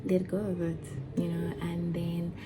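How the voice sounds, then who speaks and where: A woman in her twenties talking casually to camera as a vlogger, chatty and excited, with many fillers and restarts. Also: on the low side, measured pace, noisy background. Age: 20s. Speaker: vlogger and foundation founder.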